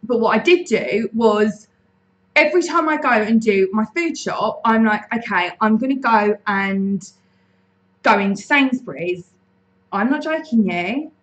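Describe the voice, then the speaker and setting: A bubbly woman from the UK chatting on a live stream from home, her voice sitting a little high. She talks in an unhurried, easygoing way, greeting viewers one by one into a desk mic. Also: expressive, dull audio. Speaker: lifestyle channel host. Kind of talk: casual live-stream chat.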